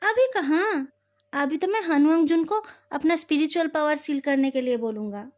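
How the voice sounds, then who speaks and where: A woman's voice: high voice, normal speed, lightly acted. A woman voicing a falsely polite, scheming male sect leader in a storybook retelling. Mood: smug. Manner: polite but threatening.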